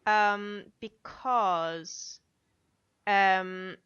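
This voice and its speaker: A woman's voice: medium pitch, fairly even intonation, very slow, a bit bright, clean tone, no room sound, dull audio. A woman hosting a podcast, chatting in a bubbly, giggly way while she plays a video game. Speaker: podcast host. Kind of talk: casual chat while playing a video game.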